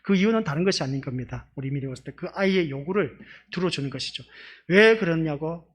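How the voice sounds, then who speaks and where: A pastor giving a conversational sermon in a church, often asking the congregation rhetorical questions. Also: male voice, a little high, lively intonation, fast talker, breathy edge.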